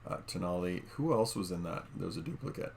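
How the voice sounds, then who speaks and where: A man's voice: sits low, lively intonation, fast, gravelly, slight background noise. A man giving casual gameplay commentary at home, chatty and talking straight to his viewers with lots of fillers. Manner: chatty, addresses viewers as guys, many fillers. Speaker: gaming YouTuber. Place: home room.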